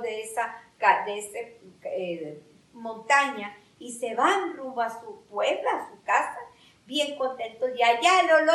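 A woman telling a fairy tale to children, lively and emphatic, repeating words for drama. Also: fairly high pitch. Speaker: storyteller. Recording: echoey room, distant mic.

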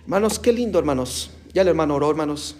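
A man with a high voice delivers an emphatic sermon. He keeps calling his listeners brothers, surging loud on key phrases and then dropping soft. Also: lively intonation, fast, a little hiss or hum. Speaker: preacher.

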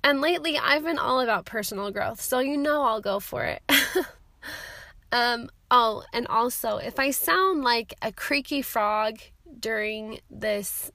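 Chatty young woman with a cold doing a solo podcast, high voice, dry close mic. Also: a little slow, pushed and bright, dry recording. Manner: upbeat, chatty, encouraging. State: has a summer cold. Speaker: podcast host. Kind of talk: solo self-help podcast talk.

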